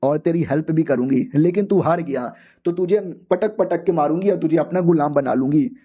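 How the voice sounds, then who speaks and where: A man's voice: fairly high pitch, moderate pace, dark tone, breathy edge, dull audio, voice pushed down. A man voicing a rude, bossy senior woman cultivator who hurls crude threats and insults. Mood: scolding.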